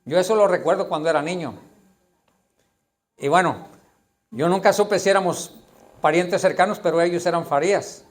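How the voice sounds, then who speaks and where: A man's voice: sits high, moderate pace, pauses often. A man, a pastor preaching a sermon emphatically and speaking straight to his listeners.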